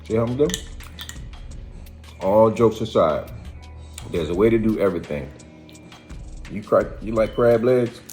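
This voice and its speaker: A man's voice: lowish voice, animated, measured pace, pauses often, over music. An American man hosting a casual how-to vlog, chatting in a folksy, colloquial way. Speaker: video host.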